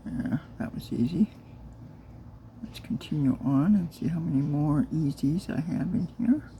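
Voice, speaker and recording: A soft-spoken woman chatting her way through a casual crafting vlog. She keeps her voice low and gravelly and mutters to herself as she works. Her delivery is slow and unhurried, with a very dark, mellow tone. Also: a little hiss or hum. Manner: mutters to herself while working with her hands. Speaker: crafter making silicone molds.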